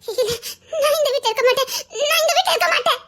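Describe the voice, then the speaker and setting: A woman playing a sobbing young wife, very high-pitched. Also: fast, fairly bright tone. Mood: tearful, anguished. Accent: Tirunelveli Tamil. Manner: sobbing, breaking voice, repeated pleas. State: crying. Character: distraught young wife, weeping, frightened, threatening to leave. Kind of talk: tearful melodrama.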